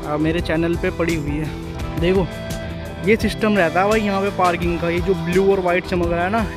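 A man's voice: high-pitched, steady tone, moderate pace. A man walking outdoors and vlogging casually, chatting to viewers and calling them brother. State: tired from walking. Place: outdoors on city streets. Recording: music playing over voice.

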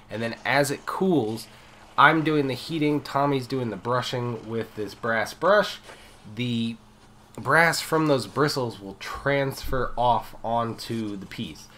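A man's voice: mid-range voice, fairly bright tone, slight background noise, poor audio. A man with a head cold and a nasal voice, casually narrating a metal fabrication build as the channel host, with fillers and restarts.

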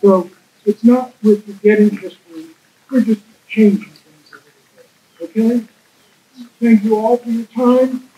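Mellow-voiced woman wrapping up an event. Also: fairly high pitch, unhurried, pauses often, lo-fi sound. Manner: relaxed, self-joking. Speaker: event organizer closing the event. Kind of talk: casual closing remarks. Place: outdoor park plaza.

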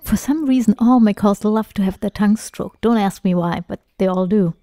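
A woman's voice: mid-range voice, normal speed, warm tone, no room sound, studio quality. A woman talking as a parrot trainer in a chatty, enthusiastic voice-over, with small fillers. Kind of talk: instructional voice-over narration.

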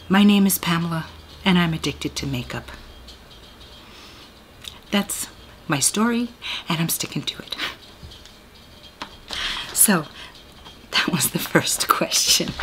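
With a lowish, slightly bright voice and some faint background noise, this sixty-something woman talks her way through a beauty tag video. She's a beauty vlogger filming in a small room at home, chatty and rambling while laughing at herself.

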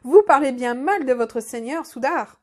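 Brief: noble, chastened young prince, read by a woman, formal storybook speech, high-pitched. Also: expressive, unhurried, a little mellow. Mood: earnest. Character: young male prince, humbled, earnest and noble.

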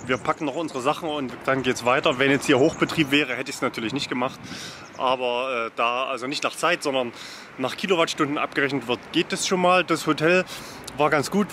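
A man's voice: fairly high pitch, fairly bright tone, slight background noise. Man vlogging outdoors to a handheld camera. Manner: matter-of-fact, explains with many fillers. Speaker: travel vlogger. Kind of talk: casual travel vlog to camera. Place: outdoors, country lodge and foggy mountain. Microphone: action camera at arm's length.

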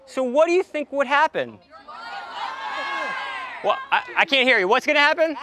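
A young man giving an excited live science demonstration outdoors, throwing questions to a group. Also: very high-pitched, normal speed, a crowd in the background, background noise. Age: young adult. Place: outdoors, lawn in a courtyard.

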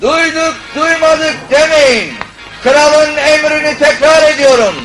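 An actor playing a town crier in a fairy-tale film, declaiming a royal decree formally in drawn-out public calls. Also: male voice, very high-pitched, rough recording. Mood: proclaiming. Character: loud town crier proclaiming a king's decree. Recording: old film soundtrack with music behind.

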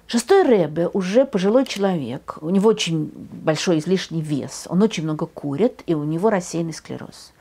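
An older woman giving a history lesson, telling the story in a lively, emphatic way with rhetorical questions. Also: on the low side, creaky. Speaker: history lecturer.

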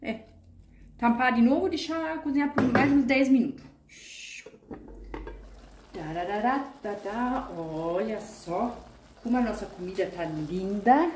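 Speaking a little slowly with long pauses, a woman with an expressive, slightly high voice explains a recipe step by step from her home kitchen. She's a vegan cooking channel host, chatty and homey in this casual tutorial, fond of diminutives and fillers; the recording is reverberant with a noisy background.

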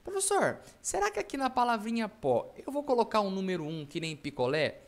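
A man's voice: high-pitched, very animated, a little fast, voice pushed up. A man voicing a confused student who keeps asking the teacher doubtful, whiny questions. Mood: puzzled.

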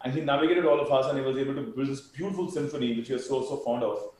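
Fast Indian-accented man in echoey room. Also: mid-range voice. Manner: animated, emphatic. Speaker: company co-founder, interview guest. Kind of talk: conversational interview answers. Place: indoor room, video call. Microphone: video call. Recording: very echoey room on video call.

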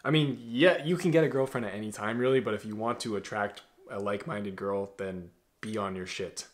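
A man's voice: fairly low pitch, brisk. Blunt young man giving casual advice. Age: 20s. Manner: blunt, joking, gives direct advice. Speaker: host. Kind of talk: casual Q&A chat. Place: dim bedroom, indoors.

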